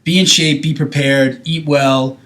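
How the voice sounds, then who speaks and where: A man's voice: a little high, little pitch movement, a little slow, a bit bright. A man in his forties hosting a podcast, talking casually and rambling a little as he asks questions. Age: 40s. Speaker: podcast host. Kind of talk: casual chat.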